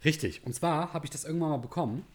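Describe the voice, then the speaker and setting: A man in casual chat about perfumes, talking in a relaxed, reflective and slightly wry way. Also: fairly high pitch, fast. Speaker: perfume reviewer co-host.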